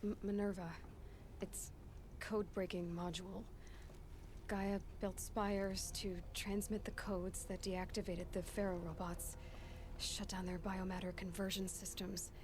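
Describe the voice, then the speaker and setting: A woman plays a determined young heroine in a video game drama. Her medium-pitched voice is earnest, questioning and guarded, with clear ambience behind it. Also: little pitch movement, measured pace, noisy background, lightly acted. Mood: serious, realizing.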